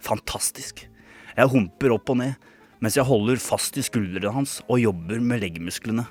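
A man co-hosting a radio comedy show, reading a saucy short story aloud in a dry, deadpan way. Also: medium pitch, slightly rough, faint music behind. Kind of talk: comic dramatic reading.

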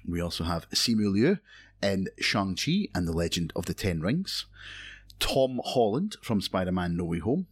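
A man's voice: deep voice, normal speed, breathy edge, no echo. A man hosting a podcast, chatting casually and leading the discussion with frequent fillers. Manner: relaxed, chatty, hesitant fillers. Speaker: podcast host.

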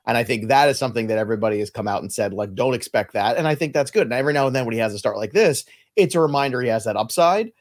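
A man's voice: mid-range voice, animated, racing, few pauses. A man co-hosting a fantasy baseball podcast, talking in a conversational, analytical and joking way. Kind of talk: casual chat.

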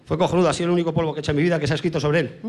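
A man from Spain doing a crude stand-up comedy monologue on stage, with brash punchlines and sudden shouted sound effects. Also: on the high side, little pitch movement, rapid-fire, noisy background.

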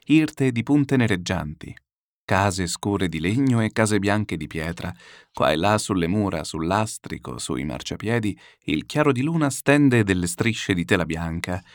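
A man reading a literary text aloud, declamatory and lyrical, with slow solemn pauses. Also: deep voice, no room sound, studio quality. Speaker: reader.

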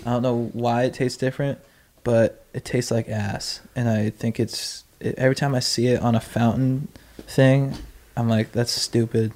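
A man's voice: medium pitch, flat delivery, normal speed, darkish tone. A man ranting animatedly in a casual chat among friends, swearing freely.

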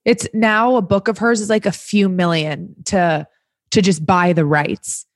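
Chatty excited woman, dry close sound. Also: on the low side, a little slow, no room sound. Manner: excited, chatty, full of likes. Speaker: podcast co-host. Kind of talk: casual chat.

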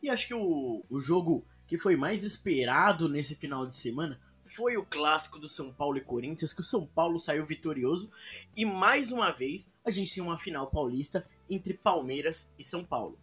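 A man's voice: a little high, expressive, normal speed, fairly bright tone, slightly rough, faint music behind. A Brazilian man hosting a football podcast in a casual conversational style. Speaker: podcast host.

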